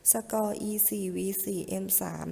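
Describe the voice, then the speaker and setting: A woman's voice: moderate pace, dark tone, in a large hall. A woman on an ambulance crew reporting over a walkie-talkie in a training drill, using clipped radio call-signs and codes and reading out vital signs steadily.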